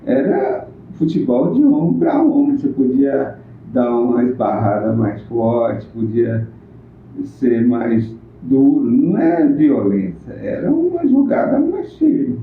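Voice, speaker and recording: A man, recalling local history in a plainspoken, unhurried casual interview. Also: mid-range voice, big pitch swings. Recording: echoey room on a tinny phone-like line.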